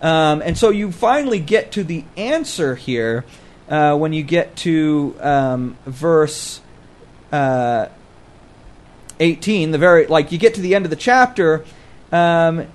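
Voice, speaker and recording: Co-hosting a podcast about scripture, this man has a slightly high voice and sounds animated, yet he takes things slowly. His explanations are casual but scholarly, and he works through ideas out loud.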